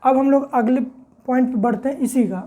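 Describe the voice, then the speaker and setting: A woman's high-pitched voice comes through with phone-quality sound as she teaches English pronunciation classroom-style. She spells words slowly, letter by letter, asking her own questions and then answering them.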